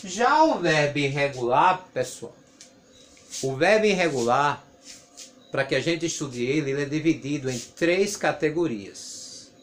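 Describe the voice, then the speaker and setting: A man's voice: fairly high pitch, lively intonation, measured pace, a bit bright. A man with a Brazilian Portuguese accent teaching an English grammar lesson, patiently repeating points and asking rhetorical questions. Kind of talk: classroom lesson explaining grammar.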